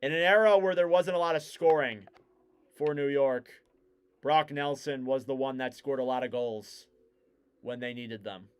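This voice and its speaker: A man giving casual live play-by-play commentary on a hockey game, getting louder and keener on the big plays. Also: medium pitch, moderate pace, smooth.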